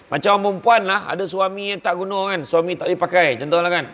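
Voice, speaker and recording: A man with a Malaysian Malay accent giving an animated, jokey religious talk, acting out the people he quotes. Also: high-pitched, quick pace, in a large hall. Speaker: preacher.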